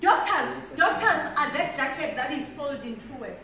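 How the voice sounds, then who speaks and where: This South African woman in her twenties has a high, creaky, pushed and bright voice with lively intonation at a moderate pace. She walks the floor gesturing while delivering a motivational keynote to a conference room, leaning on emphatic, preacherly repetition. Recorded in a large indoor hall through a handheld mic heard from a distant camera, the audio is echoey, remote, and noisy.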